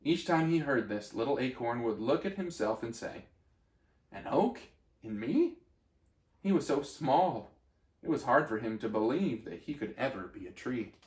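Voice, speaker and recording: A man reading a children's storybook aloud in a gentle, expressive way. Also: medium pitch, moderate pace, roomy sound. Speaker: story reader.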